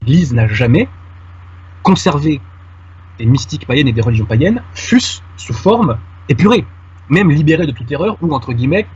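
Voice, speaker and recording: A man's voice: fairly high pitch, lively intonation, moderate pace, a little mellow, breathy edge, lo-fi sound. A man making a detailed argument in conversation with a host, addressing him familiarly. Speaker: guest commentator. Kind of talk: conversational argument on a radio-style show.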